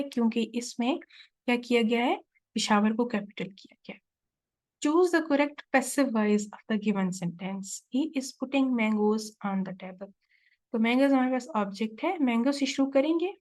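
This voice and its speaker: A woman teacher walks through exam questions. Her voice sits a little high and she takes her time, reading each English question with care before explaining it in Urdu-Hindi. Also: a little mellow. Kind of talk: test-prep lesson.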